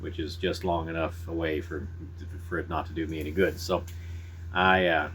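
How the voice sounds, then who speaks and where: A middle-aged man chatting casually to viewers in a folksy, unhurried, halting way. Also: rumbling low, flat delivery, a bit bright, a little hiss or hum. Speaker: pipe-smoking vlogger. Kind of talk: casual rambling chat to viewers.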